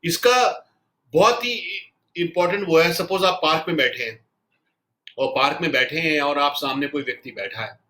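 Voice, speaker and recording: A man teaching a spoken tutorial on building rapport. He talks fast and loud, in Hindi mixed with English words. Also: on the high side. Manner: fast, loud and animated, says so himself. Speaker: NLP trainer.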